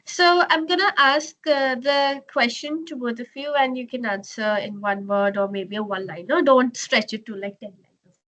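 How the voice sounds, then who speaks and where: A woman's voice: on the high side, normal speed, fairly bright tone. A woman hosting a business webcast, asking questions in a playful, casual way and laughing often. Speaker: webcast host. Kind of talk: casual interview chat.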